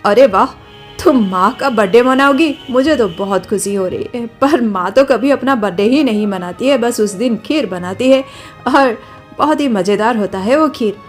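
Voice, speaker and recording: A woman's voice: on the high side, normal speed, soft background music, natural voice. A woman voicing a friendly young husband in a cartoon story, talking upbeat. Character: cheerful young husband and son.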